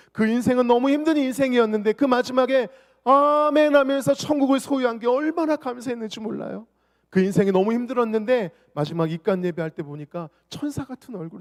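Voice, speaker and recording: A male pastor preaching an evangelistic sermon, telling a personal story earnestly and addressing the congregation directly. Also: high-pitched. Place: church sanctuary. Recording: long church reverb with music underneath. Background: soft worship music.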